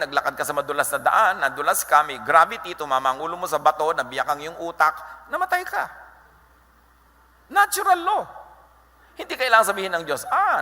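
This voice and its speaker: A male pastor giving an animated sermon, switching between Tagalog and English and quoting scripture. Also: on the high side. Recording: echoey hall with long reverb.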